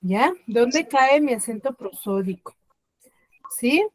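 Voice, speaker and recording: A woman teaching an online class over a computer mic, with a fairly high voice. She keeps quizzing her students and slows down to stress the words that matter. The sound is dry and close, with no room echo. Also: lively intonation. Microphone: computer mic on a video call.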